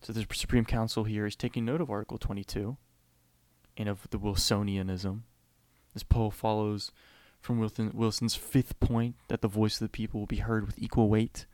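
A man with a low voice explains history in a loose, conversational way, sprinkling in "you know" and acting out the quotes. The sound is close and dry, with no room echo. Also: flat delivery, moderate pace, a little mellow. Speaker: history lecturer. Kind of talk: casual history lecture.

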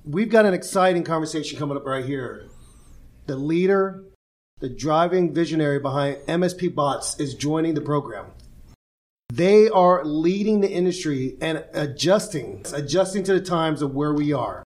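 A man hosts an interview podcast in a fairly high voice. He sounds upbeat and emphatic, and he stretches out his introductions and questions. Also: lively intonation, normal speed. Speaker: podcast host. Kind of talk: interview hosting.

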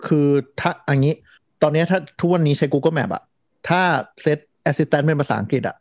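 A man's voice: fairly high pitch, normal speed, a little mellow, dry recording, studio quality. A man co-hosting a casual tech podcast, patiently explaining how things work.

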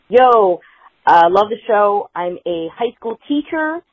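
A woman, a high school teacher, leaving a casual, slightly rambling voicemail for a show over the phone. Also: animated, slow pace, dry recording. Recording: tinny phone line voicemail.

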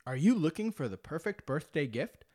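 A man playing an upbeat infomercial announcer, giving an emphatic, salesy pitch. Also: sing-song, moderate pace, warm tone, dry recording, clean studio sound. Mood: salesy, mock-earnest.

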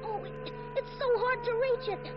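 A woman's voice: very high voice, fairly even intonation, very noisy. A woman voicing a frightened small boy who strains and stammers as he tries to reach a car's brake, in an old radio drama. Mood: strained, frightened. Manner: strained, pleading, halting. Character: small frightened boy trying to stop a car. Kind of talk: 1940s radio drama acting. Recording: muffled old radio recording with music.

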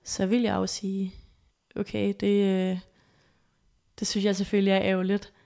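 A woman recounting a painful story as a podcast guest, her voice soft and halting. There is a gravelly fry in her delivery. Her pitch stays narrow and level. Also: monotone. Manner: soft, halting, emotional retelling. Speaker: interview guest. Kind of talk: personal storytelling.

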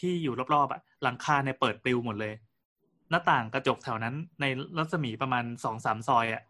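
A man's voice: mid-range voice, a little fast, sharp tone. Man telling a story in casual chat. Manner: storytelling with frequent restarts and fillers. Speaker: podcast co-host.

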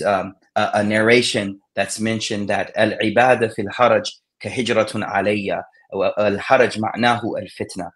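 Low-voiced man giving sermon-like reflections. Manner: hesitant restarts, recites Arabic verses. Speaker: speaker on a panel.

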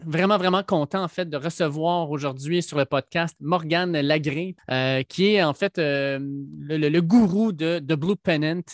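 A man's voice: on the high side, dry recording, studio quality. A man with a Québécois French accent hosting a casual podcast interview, talking with frequent hesitations. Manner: hesitant, many fillers. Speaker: podcast host.

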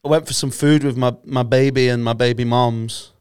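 A man's voice: medium pitch, fairly even intonation, moderate pace, a little mellow, clear, resonant tone, no echo, studio quality. A man, chatting and bantering casually as a podcast co-host. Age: 40s.

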